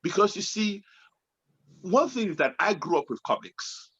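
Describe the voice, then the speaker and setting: A man in his late forties, co-hosting a casual chat in an animated way, turning from loud excitement to low musing. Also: normal speed, husky. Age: 40s. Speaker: podcast co-host. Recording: dull lo-fi sound.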